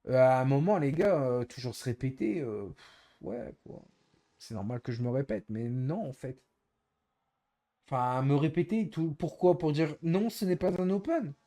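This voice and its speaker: Male streamer, mellow voice, exasperated, repeating himself to chat. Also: mid-range voice, animated, unhurried. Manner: exasperated, explaining himself over and over. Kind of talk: casual live-stream chat to viewers.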